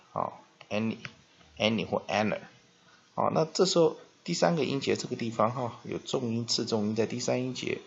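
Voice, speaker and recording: A man's voice: medium pitch, vocal fry. A man teaches English vocabulary at a whiteboard, explaining step by step, spelling words out and often drawing out a filler "ah". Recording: dull lo-fi recording.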